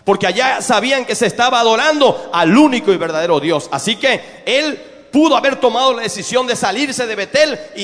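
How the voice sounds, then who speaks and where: A man's voice: very high voice, fairly bright tone. A man preaching a sermon as pastor, emphatic and calling on the congregation to read along. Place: church hall. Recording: echoey church hall.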